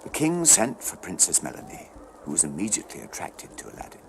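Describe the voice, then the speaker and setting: A man's voice: deep voice, huge pitch swings, fast, vocal fry, crowd noise. A man narrating a scripted children's story dramatically as its storyteller.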